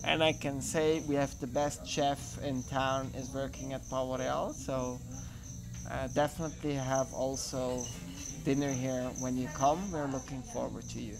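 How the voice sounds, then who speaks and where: Halting hostel owner, man. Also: medium pitch, flat delivery, creaky. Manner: halting, with pauses and fillers. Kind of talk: interview answers. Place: outdoors by a pool at night.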